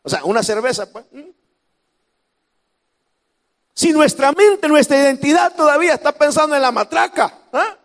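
A male pastor with a Salvadoran Spanish accent preaching a sermon, jumping from shouts to hushed lines and tossing in humorous asides to the congregation. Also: very high voice, big pitch swings, moderate pace, long pauses, big-room sound. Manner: preaching with sudden shouts and drops to near whispers.

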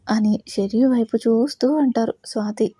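A woman with a Telugu accent narrates a romantic audio story in a mellow, fairly high voice. She voices each character's lines herself and lifts her voice for the dialogue. The sound is close and dry. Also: fairly even intonation, normal speed, slightly rough, no echo. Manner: reads all characters, rising louder for quoted lines.

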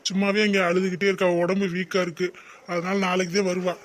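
A man voicing a calm middle-aged husband in an animated cartoon, matter-of-fact and reassuring. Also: sits high, quick pace, slight background noise, lightly acted.

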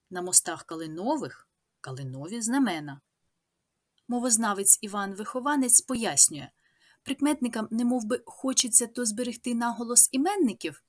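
Teacher lady, ukrainian accent, husky voice, slow steady lesson reading, lists words one by one. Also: medium pitch. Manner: measured, listing words one by one. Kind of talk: scripted lesson narration.

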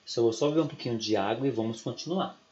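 A man with a Brazilian Portuguese accent teaches an English class online, talking in a chatty, rambling way and checking in with his students again and again. His voice sits at an ordinary middle pitch. The audio is a little dull and lo-fi. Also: quick pace, darkish tone. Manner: chatty, keeps adding "né?" and "ok?".

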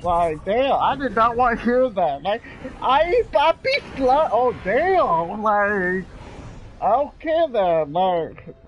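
A man streaming a video game, chatting casually and yelling crude trash talk at other players. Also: high-pitched, sing-song, slow pace, highs cut off, slight background noise. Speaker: gamer streamer. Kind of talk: casual live-stream commentary.

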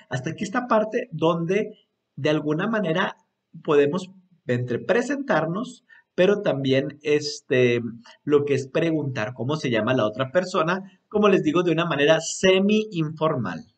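Slow, lively male English teacher. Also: on the high side. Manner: drills English phrases slowly and repeats them, says "este" often. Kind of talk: slow, patient language lesson.

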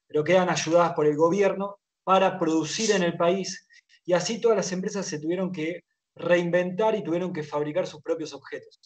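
A man in his thirties with an Argentine accent, speaking over a headset on a video call. His voice sits a little high for a man. He explains at length and checks in with his listener as he goes. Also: darkish tone. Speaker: guest author. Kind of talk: casual video-call interview. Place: home room with toy shelves.

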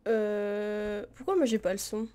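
A woman's voice: medium pitch, fairly even intonation, a little slow, warm tone. A young woman live-streaming reaction commentary, talking casually and rambling, with many fillers and frequent laughs. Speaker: streamer reacting to parody videos.

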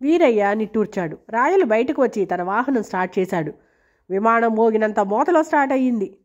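A woman reading a novel aloud in a steady, measured storytelling manner. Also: a little high. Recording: dull lo-fi recording.

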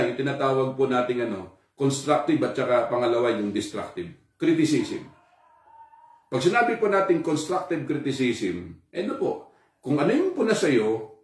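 A man's voice: fairly high pitch, darkish tone. Guy preaching a casual sermon, tagalog and english mixed, lots of fillers, far from the mic, echoey room. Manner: conversational, mixing Tagalog and English, many fillers.

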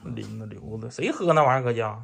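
A man's voice: medium pitch, expressive, fast, vocal fry, very noisy. A man with a Northeastern Mandarin accent bantering jokingly with his family in casual chat. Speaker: vlogger, husband and father.

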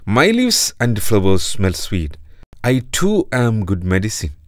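A man's voice: on the low side, huge pitch swings, unhurried, dry recording, clean studio sound. A man voicing a dignified tulsi plant, self-assured and boastful. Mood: proud.

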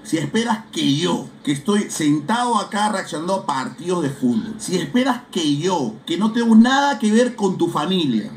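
A man with a Peruvian accent, a football fan streaming a casual live reaction, talking loudly in slangy, exclamatory bursts. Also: sits high, roomy sound, a little hiss or hum. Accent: Peruvian Spanish. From Peru. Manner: loud, exclamatory, slangy, bursts into shouting and chanting. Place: seated indoors at home setup.

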